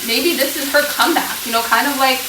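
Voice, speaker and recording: Woman chatting over food, kinda high voice, all fired up, roomy echo and she's a bit off mic. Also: brisk, distant mic. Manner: animated, speculative, emphatic. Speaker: co-host. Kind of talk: casual chat over a meal. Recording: echoey room, noisy, off-mic.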